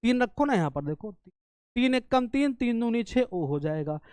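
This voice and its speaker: Lively chemistry tutor. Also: male voice, very high voice, unhurried, smooth, dry recording. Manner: lively, scolding and coaxing, voices students' questions himself. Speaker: chemistry teacher. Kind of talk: exam-prep lesson.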